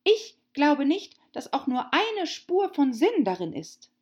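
A woman's voice: high-pitched, sing-song, slow pace, dull audio, voice pushed up, exaggerated voice. A woman voicing a bold young girl who speaks bluntly in a storybook reading. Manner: blunt, matter-of-fact.

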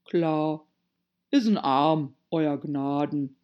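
A woman voicing a plain, slow-witted male servant who answers deferentially in a storybook reading. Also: deep voice, warm tone, muffled recording. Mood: placid. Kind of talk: audiobook character voice.

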